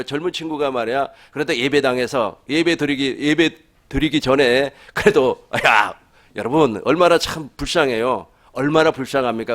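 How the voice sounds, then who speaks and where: Animated preaching man with lively pitch. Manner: animated, asks the congregation questions; chuckles while preaching. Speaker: pastor. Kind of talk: sermon.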